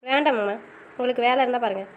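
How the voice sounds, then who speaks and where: A woman's voice: on the high side, rapid-fire, dull audio, a little hiss or hum, close to an everyday voice. A woman voicing a stubborn young college student who insists and pleads. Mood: curt. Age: young adult. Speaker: voice actor. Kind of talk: audio drama acting.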